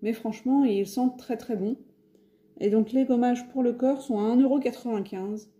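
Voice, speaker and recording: A woman's voice: a little high, normal speed, mellow, muffled recording. A French woman casually showing her craft shopping haul, talking with many hesitations and fillers. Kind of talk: casual haul video talk. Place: home, near a window.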